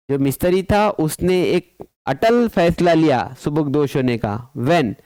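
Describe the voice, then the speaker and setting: Slow-spoken man teaching a class. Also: a little high, a little mellow, no echo, low-quality recording. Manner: mixes Hindi-Urdu and English, repeats words slowly for students. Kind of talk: school lesson explanation.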